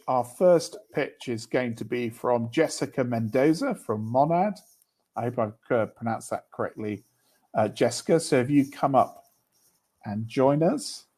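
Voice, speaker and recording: A man hosts a live business event with a friendly, chatty delivery. His pitch sits in the middle range, and he often restarts his sentences as he talks. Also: mellow, poor audio. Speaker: event host.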